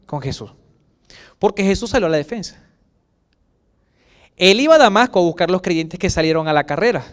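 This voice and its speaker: A man with a Chilean Spanish accent preaches a sermon as a pastor, swinging between loud outbursts and soft asides while acting out quoted voices. His voice sits high, with lively intonation and a slightly fast pace.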